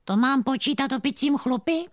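High little boy's voice, cheeky, naive, dry close sound, puppet comedy. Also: animated, a bit bright, dry recording. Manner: innocent, cheeky wordplay. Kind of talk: comic puppet theatre dialogue.

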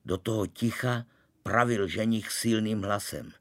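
A man narrating a storybook in a lively, expressive way. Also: on the low side, no echo. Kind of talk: storybook reading.

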